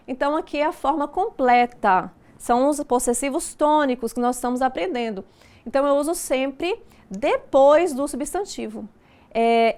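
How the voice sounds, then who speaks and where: A middle-aged Brazilian woman teaching Spanish in a recorded online lesson. She explains patiently and says each example sentence slowly and clearly. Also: high-pitched. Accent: Brazilian Portuguese.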